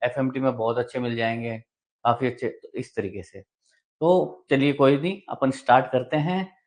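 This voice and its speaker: With a mid-range voice and moderate pace, a male teacher runs a live online class preparing students for medical exams. He breaks things down step by step, repeats important terms, answers his own questions, and blends English technical vocabulary into his Hindi.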